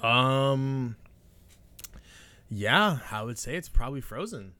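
A man's voice: mid-range voice, lively intonation, takes it slowly, sharp tone, no echo. A young man co-hosting a podcast, chatting casually about films in an informal, slangy way with some swearing. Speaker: podcast co-host. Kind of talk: casual film chat.

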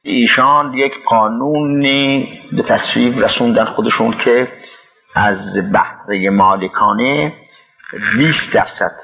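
An older man from Iran recalling his past work in a halting interview, with pauses and restarts. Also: medium pitch, creaky, bright, forceful tone, lo-fi sound. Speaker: interviewee recalling his time as a city official. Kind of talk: reminiscing interview.

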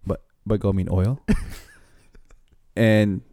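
A podcast co-host who talks slowly and haltingly, filling pauses with ums. His voice is low and mellow, and it sounds dry and close to the mic. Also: fairly even intonation, dry recording. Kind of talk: casual chat.

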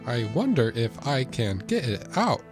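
A man imitating a male text-to-speech robot narrator, with a slow, stiff, sing-song robotic delivery. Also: medium pitch, sing-song, over music. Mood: deadpan robotic.

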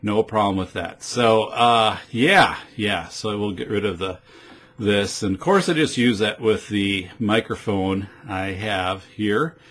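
A man hosting a podcast in a casual, rambling monologue, with halting delivery, on a studio microphone. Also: fairly low pitch, a bit bright. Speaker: podcast host.

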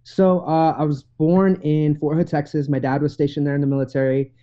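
A man's voice: fairly high pitch, level tone, brisk. Eager young man on a muffled call. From Hawaii and Idaho. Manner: eager, friendly, stammering restarts. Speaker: guest musician. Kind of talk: casual interview chat. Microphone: remote call.

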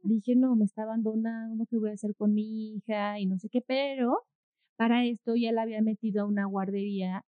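A woman, a mother co-hosting, tells a story in casual conversation, animatedly acting out what people said. Her voice is on the high side and fairly quick, and the audio is dry and phone-like with no echo.

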